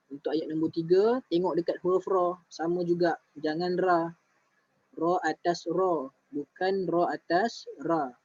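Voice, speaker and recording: A man with a Malaysian Malay accent leads a patient recitation lesson over a video call. His voice sits a little high and moves at an unhurried, careful pace, stretching each verse out slowly. The sound is dry and dull, like a lo-fi computer mic. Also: darkish tone, slightly rough, dry recording. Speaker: Quran recitation teacher. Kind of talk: online tajwid lesson.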